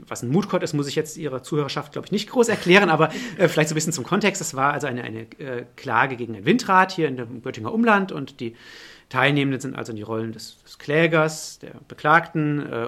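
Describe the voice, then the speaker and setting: Man, middle-aged professor, quick, slightly high voice, lots of ums and restarts. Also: gravelly, a bit bright. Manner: fast, thinking aloud with many fillers and restarts. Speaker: political science professor, guest. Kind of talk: podcast interview answers.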